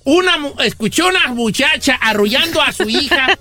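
A man hosts a radio show, spinning jokey, exaggerated stories. His voice sits very high and sounds very bright and forceful. Faint music plays in the background. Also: lively intonation, moderate pace. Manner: playful, exaggerated storytelling. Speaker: radio host. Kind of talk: joking radio banter.

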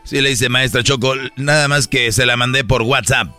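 A man voicing a cheeky schoolboy with a hoarse voice that sounds like a grown man's, giving confident smart-aleck answers in a comedy sketch. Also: steady tone, normal speed, bright, forceful tone, soft background music. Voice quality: hoarse, deep.

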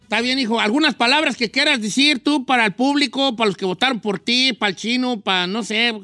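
A man's voice: very high voice, pushed and bright, no room sound, studio quality. A man from Guadalajara with a Mexican accent, hosting a joking radio talk show in a teasing, playful way. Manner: teasing, playful, quick to joke.

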